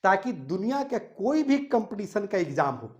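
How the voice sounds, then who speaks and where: A man's voice: high-pitched, very animated, normal speed, darkish tone. A man teaching a grammar lesson to a class, repeating each point and telling the students to write it down.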